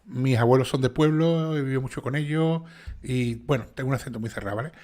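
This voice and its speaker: A man from Seville, Spain, with a strong Sevillian Andalusian Spanish accent, hosts and narrates a casual livestream chat on his channel. His voice is medium-pitched and a little mellow, and he talks fast and chattily, restarting often and checking in with listeners with frequent "¿vale?"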